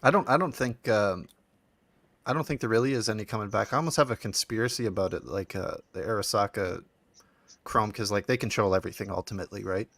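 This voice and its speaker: A man's voice: on the low side, fast, gravelly, fairly bright tone, no echo. A man in a casual chat, speculating in long run-on thoughts.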